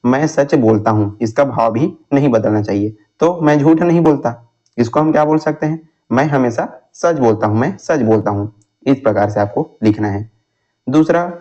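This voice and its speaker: A man's voice: medium pitch, a little mellow. Man teaching, asking and answering himself. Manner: asks a question then answers it himself; repeats answers slowly for dictation. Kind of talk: classroom explanation, question and answer. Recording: dull lo-fi sound.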